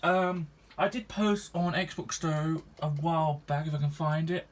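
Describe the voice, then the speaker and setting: A 21-year-old gaming YouTuber chats to his viewers in a casual vlog, his voice on the high side and unhurried. He rambles hesitantly, restarting often and saying um a lot.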